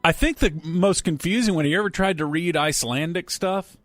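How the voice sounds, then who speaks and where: On a laid-back sports radio show, a male host with a high-pitched, brisk, somewhat bright voice reads listener emails, jokes, and banters with co-hosts in a rambling way. There's no room sound, and soft music plays in the background.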